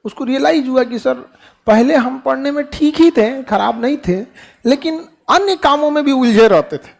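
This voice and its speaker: A man's voice: very high voice, normal speed, vocal fry. Joking, folksy man. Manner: folksy, joking, asks the class questions and answers them himself. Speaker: teacher giving a motivational talk. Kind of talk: lively classroom motivational speech. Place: classroom.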